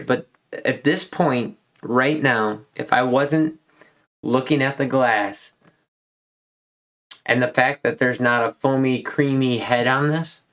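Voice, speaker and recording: A man's voice: medium pitch, a bit bright. A man hosting a casual whiskey review, talking in a loose, folksy, rambling way. He sounds a little tipsy, and he is short of breath from a lingering cold. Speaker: whiskey reviewer, channel host. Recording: dull lo-fi recording.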